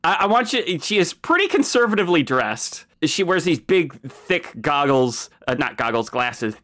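A man improvising narration as a tabletop game master, halting and correcting himself as he describes the scene. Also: a little high, sing-song, fairly bright tone.

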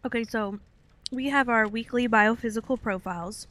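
Telling personal stories in a casual, chatty podcast conversation, this young American co-host likes to invent playful words. Her fairly high, fairly bright voice keeps a normal speed.

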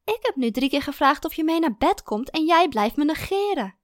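Whiny clingy young woman, as a female reader puts her on, high shrill pitch, loud, easily offended, dry close sound. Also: big pitch swings, normal speed, dry recording. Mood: angry. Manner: whining, pleading, then sobbing with anger.

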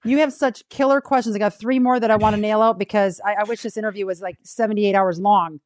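A woman's voice: medium pitch, fairly even intonation, fast, a little mellow, dry recording. A woman hosting an interview, effusive and enthusiastic with her guest. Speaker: podcast host.

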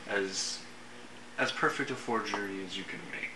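A man's voice: fairly low pitch, normal speed, far from the mic. A man narrating a tabletop game as the game master. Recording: echoey room with loud noise.

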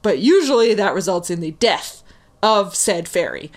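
A woman's voice: mid-range voice, expressive, normal speed. A woman co-hosting a podcast in casual chat, gushing and swearing, with many "like"s and "um"s and frequent laughs. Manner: laughing often, lots of "like" and "um"; gushing, profane. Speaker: podcast co-host.

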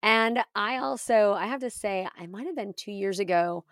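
A woman with a smooth, clear voice that often dips into vocal fry. She asks questions as an interviewer in an informal, enthusiastic style, recorded dry and close. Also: mid-range voice, moderate pace, dry recording. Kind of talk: casual interview chat.

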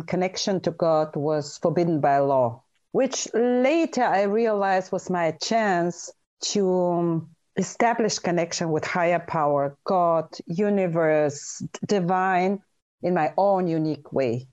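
A woman's voice: lowish voice, a little mellow, lo-fi sound. A middle-aged woman from Bulgaria, speaking earnestly and emphatically as an interview guest. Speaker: guest, dentist and author. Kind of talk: interview storytelling.

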